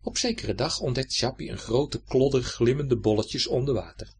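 A man reading a children's story aloud in a lively, expressive way. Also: mid-range voice, moderate pace, a little hiss or hum.

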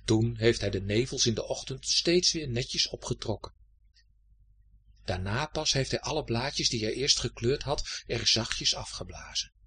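A man reading a children's story aloud in a gentle, expressive way. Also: mid-range voice, a little slow, slight background noise.

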